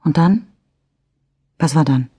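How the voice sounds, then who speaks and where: A woman voicing a steady female detective, husky, firm questioning, audiobook character, dry sound. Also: deep voice, slow, no echo, full character voice. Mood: probing. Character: calm, persistent female police detective.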